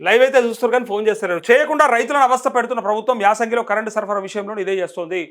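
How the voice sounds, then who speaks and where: A man's voice: high voice, a bit bright. A man hosting a live call-in show, speaking Telugu with a Telangana accent, with urgent rhetorical questions. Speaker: host. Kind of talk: live call-in political commentary.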